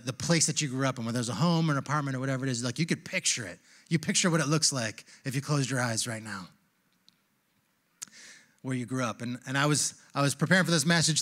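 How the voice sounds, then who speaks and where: A man in his forties, a pastor preaching a sermon on a large church stage into a handheld mic, telling a story in a relaxed, conversational way that turns hushed and reflective. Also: a little high. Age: 40s.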